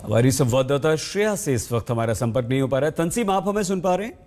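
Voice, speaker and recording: A man's voice: medium pitch, lively intonation, quick pace, a little mellow, slight background noise. A man anchoring live breaking news, speaking urgently and going back over the key points while he fills air time.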